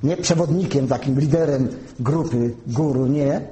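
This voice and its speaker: A man giving a sermon, teaching slowly and carefully and spelling out terms one by one. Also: mid-range voice, mellow. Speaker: preacher. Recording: echoey room.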